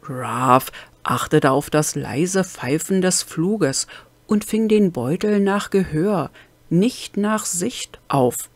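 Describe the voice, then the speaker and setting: A woman reading a fan-made audiobook, slow and deliberate, sometimes dropping into a whisper. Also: fairly low pitch, animated, no echo. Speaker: audiobook reader.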